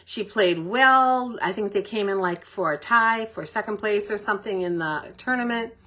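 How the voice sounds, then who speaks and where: An older woman chats on a home craft livestream, still a bit out of breath. She talks in a friendly, rambling way and stops to greet each viewer by name. Her pitch sits at a middle height for a woman. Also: normal speed, fairly bright tone. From Middle Tennessee, United States. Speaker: paper crafting livestream host. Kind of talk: casual livestream chat.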